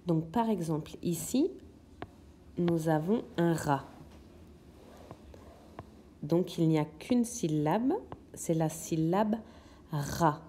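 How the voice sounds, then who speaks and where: A woman's voice: deep voice, animated, slow pace, long pauses, warm tone, slight background noise. A woman teaching young children in a recorded lesson, patiently sounding out words syllable by syllable. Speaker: kindergarten teacher.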